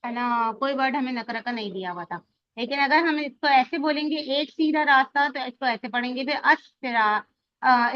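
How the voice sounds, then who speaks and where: A woman with a high voice teaches a grammar class, explaining each rule patiently and asking her students questions as she goes. Her voice comes through dry, with no room echo, and a little muffled. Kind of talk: online Arabic grammar lesson.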